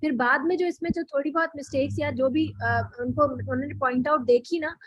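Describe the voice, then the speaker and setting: High-voiced woman teaching Quran recitation. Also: fairly quick, no echo, lo-fi sound. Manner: explains patiently, repeats and corrects herself. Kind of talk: online class lesson.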